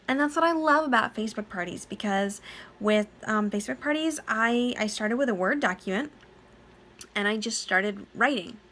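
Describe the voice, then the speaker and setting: A woman's voice: medium pitch, fairly bright tone. A woman working as a direct sales consultant, giving a casual training talk to her team. She sounds tired and yawny late at night but stays chatty and eager, with lots of fillers and restarts.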